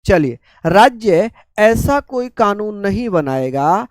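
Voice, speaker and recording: An Indian instructor with a throat infection teaches online in real time, calm and slow, restating ideas and checking in with questions for his students. The recording is dry and his pitch is high.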